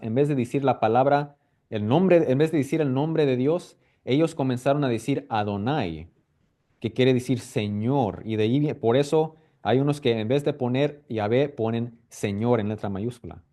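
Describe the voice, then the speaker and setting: A man at a middle pitch teaches a casual Bible lesson. He explains carefully, repeats key points, and checks in often with quick questions. His delivery is halting, with frequent restarts. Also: dark tone.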